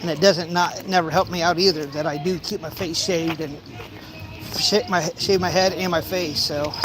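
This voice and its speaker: Speaking at a moderate pace in a fairly high, steady voice, this forties-aged fishing vlogger chats by a pond, rambling through anecdotes and acting out small exchanges. Music plays in the background, the audio is poor, and outdoor ambient noise is present.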